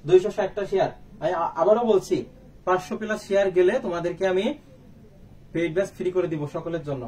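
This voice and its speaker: A man's high-pitched yet darkish voice stays steady and quick as he teaches a live online exam-prep class. He uses rhetorical questions, answering each one himself, heard through a slightly distant mic over faint noise.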